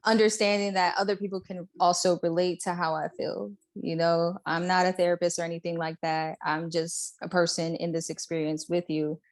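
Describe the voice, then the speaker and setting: Low-voiced woman, earnest and chatty. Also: flat delivery, moderate pace, hardly any pauses. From born in Puerto Rico, raised in Brooklyn. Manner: earnest, frequent "like, you know" fillers. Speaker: guest artist. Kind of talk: casual interview chat.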